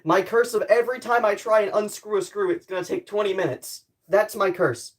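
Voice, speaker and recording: A man's voice: sits high, fairly even intonation, fairly quick. A man livestreaming casually, rambling jokey self-deprecating commentary to his viewers while he works with tools.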